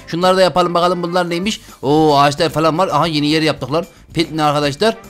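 A young man giving excitable, chatty commentary on a game, talking straight to his viewers. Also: fairly high pitch, fast talker, soft background music. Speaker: gaming YouTuber. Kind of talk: casual Let's Play commentary.

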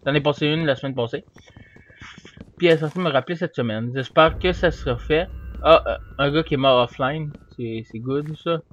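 A man's voice: fairly high pitch, moderate pace. Young man rambling over a game. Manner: rambling, easily excited, yells at the game. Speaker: gamer. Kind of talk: casual gameplay commentary. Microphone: desk microphone. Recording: dull, dry home mic.

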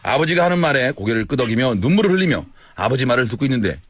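A man hosting a radio show, reading a listener's comic story in an expressive, playful way. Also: mid-range voice, racing, a little hiss or hum.

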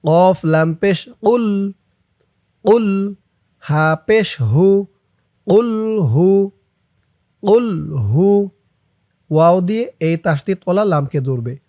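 A man with a Bangladeshi accent teaching recitation, spelling each letter and vowel slowly before chanting it drawn out, with brisk explanations in between. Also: high-pitched, lively intonation, dark tone, no room sound, studio quality. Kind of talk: slow letter-by-letter recitation lesson.

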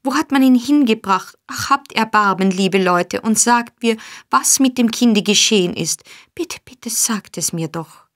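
A woman's voice: mid-range voice, very animated, unhurried, no room sound. A young street woman, defiant and firm in her short replies. A woman narrator voices her in an audiobook. Close, dry sound. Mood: pleading. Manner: curt, firm. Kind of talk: audiobook character reading.

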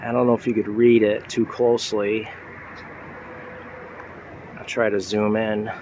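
A man's voice: fairly low pitch, level tone, measured pace, a little mellow, a little hiss or hum. A man in his thirties casually narrating a walking tour outdoors at a train station, filming with a handheld phone and chatting as he points things out. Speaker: vlogger.

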